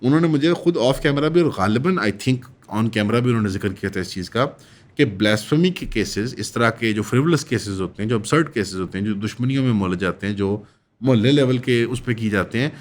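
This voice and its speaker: A man's voice: lowish voice, animated, moderate pace. A man from Pakistan hosting a commentary channel, delivering an opinionated, critical monologue and mixing English phrases into his speech.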